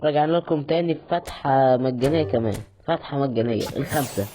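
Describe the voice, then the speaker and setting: A young Egyptian gaming YouTuber with an Egyptian Arabic accent chats his way through opening packs, pleading with the game in mock exasperation. His mid-range, dark voice moves fast, with a little hiss or hum in the audio.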